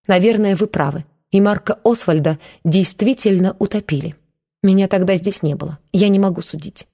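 A woman's voice: mid-range voice, moderate pace, vocal fry. Woman doing a fierce young woman. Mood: indignant. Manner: loud, fervent.

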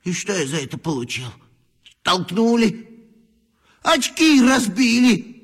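An actor playing a small, hapless, sorrowful animal in a children's audio story, plaintive and self-pitying. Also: male voice, high-pitched, very animated, slow pace, breathy edge, exaggerated voice. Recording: long hall reverb.

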